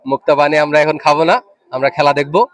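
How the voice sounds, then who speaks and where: Excitable Bangladeshi man calling local football. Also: a little high, fast talker. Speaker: second-half football commentator. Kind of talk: live local football match commentary.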